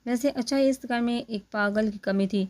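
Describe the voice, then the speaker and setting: A woman's voice: on the high side, moderate pace, darkish tone, close to an everyday voice. A woman voicing a talkative young man who keeps teasing his friends, in a chatty, joking manner.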